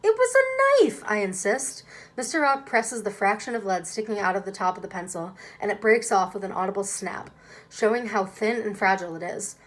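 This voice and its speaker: A woman's voice: mid-range voice, a little fast. A woman reading a children's novel aloud expressively, as first-person narration. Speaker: reader.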